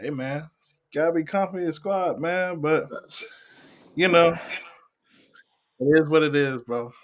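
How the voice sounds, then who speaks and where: A man's voice: on the high side, a little slow. A male podcast co-host on a video call, talking football in a laid-back, slang-heavy way. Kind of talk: casual sports chat.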